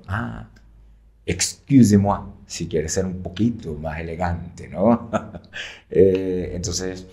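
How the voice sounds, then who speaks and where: A man's voice: sits low, warm tone. A man who teaches French, explaining patiently in an interview, with frequent fillers and checks like "right?".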